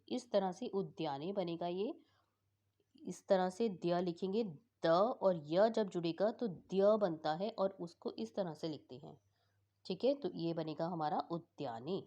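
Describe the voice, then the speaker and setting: A woman teacher patiently explaining a school lesson for exam revision, repeating each word slowly. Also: fairly low pitch, expressive, warm tone.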